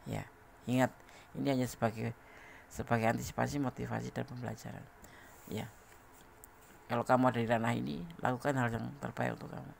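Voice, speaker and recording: Tarot reader, male, very gravelly, chatty, laughs a lot, talks straight at the listener. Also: mid-range voice, flat delivery, brisk, long pauses, slight background noise. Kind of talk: casual tarot reading to a viewer.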